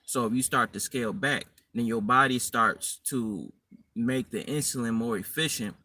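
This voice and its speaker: A man's voice: mid-range voice, moderate pace, bright, forceful tone, no room sound. A man giving blunt, profane, rambling advice in casual slang, talking directly to his viewers. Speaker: dating and fitness vlogger. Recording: distant mic with faint room noise.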